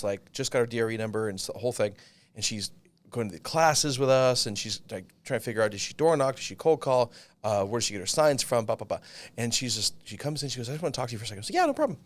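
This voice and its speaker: A man hosting a casual podcast, a real estate broker who talks bluntly, swears freely and acts out the people in his stories. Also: medium pitch. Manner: blunt, swears casually, tells stories acting out the other voices.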